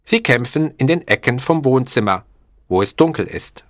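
A man narrating a storybook slowly and clearly, in a deliberate, expressive way for language learners. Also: mid-range voice, no room sound, clean studio sound.

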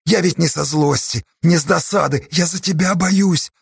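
A man voicing a desperate young cliff-climber who shouts and scolds his friend. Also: high-pitched, fairly even intonation, normal speed, husky, no echo, studio quality, voice pushed up. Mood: pleading.

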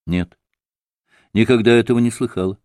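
A man reading the lines of an earnest, devout young woman in an audiobook, speaking low and heartfelt. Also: normal speed, a little mellow, dry recording, clean studio sound, close to an everyday voice.

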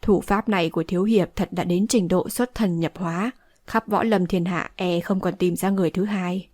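A woman's voice: medium pitch, fairly quick, a little mellow, no room sound, lightly acted. A woman reading an elderly male martial hero, speaking in a formal, courteous way, in a dry studio recording. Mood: respectful.

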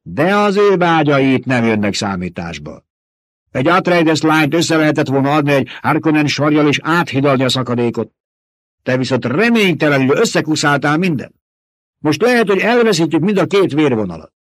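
A stern old woman who scolds and mocks with cold authority, as a male reader puts her on. Her voice sits high and carries loudly, with a dry, close sound. It is an audiobook performance. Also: animated, dry recording, lightly acted. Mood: scornful. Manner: mocking and domineering. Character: stern scornful old woman, a reverend mother.

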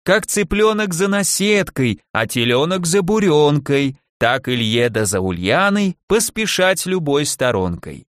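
A toothless old witch woman in a storybook, as a male reader puts her on, speaks slowly, drawing out every question. Her spells come out as a nasal mutter. The voice swings widely in pitch and sits dry and close to the mic. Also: big pitch swings, no echo. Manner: slow, drawn-out questioning. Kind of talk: audiobook character voice.

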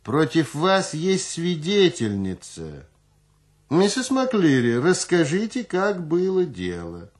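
A man voicing a stern, pedantic older judge who lectures loudly. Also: a little high, huge pitch swings, slow, voice pushed up, exaggerated voice.

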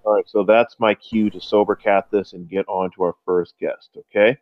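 A man co-hosting a podcast, easygoing as he moves the show along. His voice sits low. The sound is dull and dry. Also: fairly even intonation, normal speed, dry recording. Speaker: co-host introducing guests. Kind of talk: casual podcast banter.

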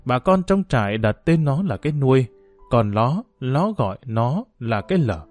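Man narrating a novel, lively pitch. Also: normal speed, faint music behind.

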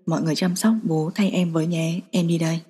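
Give me a gentle, soft-spoken young man voiced by a woman narrator, low and even, dark and husky. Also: fast, in a large hall. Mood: tender.

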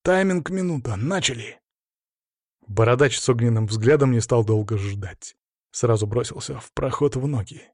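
A man narrating an audiobook in the first person, in steady, measured storytelling. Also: medium pitch, no room sound, studio quality.

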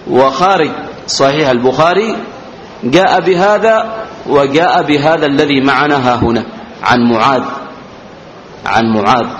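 Male religious teacher from Yemen, fairly high voice, slow and deliberate text commentary, long hall echo. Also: a little hiss or hum. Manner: slow, deliberate, repeats words for students to note; raises his voice when reading the quoted text. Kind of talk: classical text commentary lesson. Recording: roomy hall echo, dull lo-fi sound.

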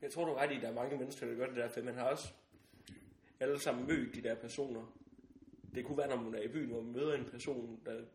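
A man hosting a relaxed conversation, tossing in chatty asides of his own. His mid-pitched voice sits in a roomy, echoing space with a faint background hiss. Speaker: podcast host. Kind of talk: casual chat. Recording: roomy sound with faint noise.

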